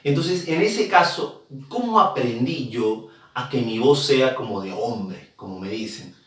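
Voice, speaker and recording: A man's voice: mid-range voice, animated, unhurried, a bit bright. A curious young male student, earnest and puzzled, as a teacher puts him on. He sounds far from the mic in a very echoey room.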